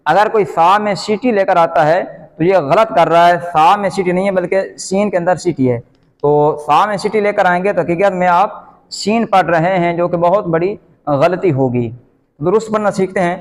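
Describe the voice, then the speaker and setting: A man with a Pakistani Urdu accent gives a slow beginner's lesson, drawing out each letter sound and calling it out loudly. His voice sits slightly high. The recording rings with a long, hall-like reverb. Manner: patient, repeats letter sounds slowly and loudly. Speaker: Quran reading teacher.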